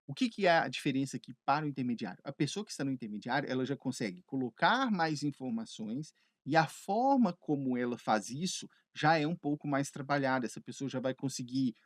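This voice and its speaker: A man's voice: a little high, dry recording, clean studio sound. Chatty Brazilian-Portuguese-speaking man teaching. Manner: lively, chatty, asks himself questions and answers them. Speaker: English teacher. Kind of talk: explaining English phrases.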